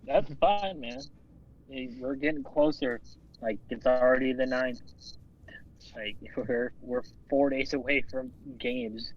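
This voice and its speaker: A man's voice: mid-range voice, animated, takes it slowly, vocal fry. Easygoing man rambling on a lo-fi podcast. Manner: easygoing, rambling, swears casually. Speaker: podcast co-host. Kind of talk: casual chat.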